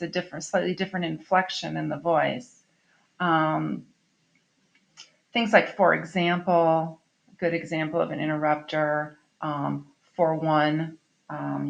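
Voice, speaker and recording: Woman teacher, recorded lesson; lower voice with some fry, chatty and explanatory. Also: a bit bright. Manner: explanatory, chatty, frequent "um" and "okay?" check-ins. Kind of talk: recorded online class lesson.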